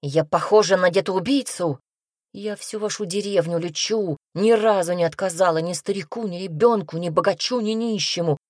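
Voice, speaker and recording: A woman's voice: on the low side, normal speed, a little mellow, no room sound, clean studio sound, natural voice. A woman doing a sarcastic, weary herbalist witch. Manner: sarcastic, snappish.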